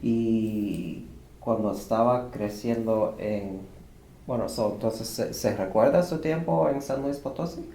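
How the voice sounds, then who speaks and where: A man interviewing someone, asking halting, searching questions. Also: on the low side, creaky, mellow. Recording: roomy room with faint noise.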